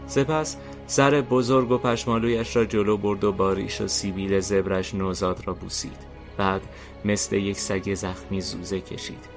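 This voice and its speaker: Male narrator, very deep voice, steady scripted reading, faint music under. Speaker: narrator and host.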